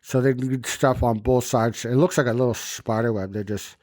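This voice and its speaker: A man's voice: mid-range voice, fairly even intonation, normal speed, darkish tone, dry recording. A man chatting casually and cursing freely, his speech impeded and muffled by a swollen lip and splints in his mouth. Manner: loose, informal, frequent cursing. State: puffy swollen lip and banded jaw after surgery. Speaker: podcast host. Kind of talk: casual chat, recounting a personal experience.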